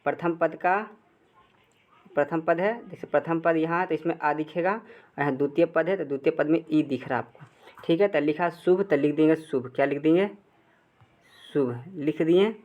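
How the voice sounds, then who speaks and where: A man's voice: a little high, moderate pace, muffled recording. A man with a Bihari Hindi accent teaching a grammar lesson at a board, asking his own questions and answering them. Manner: repetitive call-and-answer questioning.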